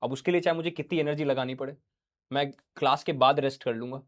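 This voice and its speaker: A man's voice: mid-range voice, fairly even intonation, fast. A young man teaching a science class online, playful and joking, acting out little scenes for his students while feeling unwell.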